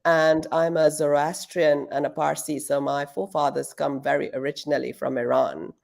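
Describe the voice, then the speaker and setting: A middle-aged woman from Pakistan speaks in a low register with a gravelly, creaky edge. She answers interview questions at home in a relaxed, thoughtful way, pausing with fillers and restarting her sentences. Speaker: guest, shoe brand founder.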